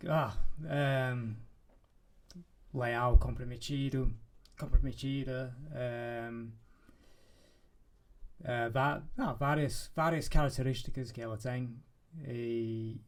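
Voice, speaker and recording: A man in his thirties from Manchester, speaking Portuguese with an English accent, a coach guest who talks haltingly and searches for words. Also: mid-range voice, steady tone. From England, Manchester. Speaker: guest, life and business coach. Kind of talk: casual podcast interview. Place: podcast studio in a farm-like setting.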